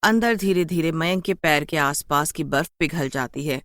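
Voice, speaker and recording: A woman with a slightly low, somewhat bright voice narrates a scripted horror story for children at a moderate pace. The recording is close and dry, with no echo or room sound.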